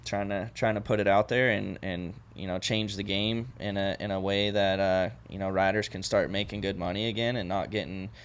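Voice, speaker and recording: A young man speaks as a podcast guest in a low, smooth, resonant voice. He rambles in a relaxed way, padding his thoughts with fillers. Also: normal speed, hardly any pauses. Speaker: podcast guest and event organizer. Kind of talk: casual podcast chat.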